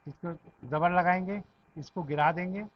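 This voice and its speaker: Speaking at a normal speed in a high, steady voice, this Pakistani man with an Urdu accent walks a class through Arabic grammar. He patiently lists verb conjugations and makes sure students are following, captured in a dull, lo-fi classroom recording.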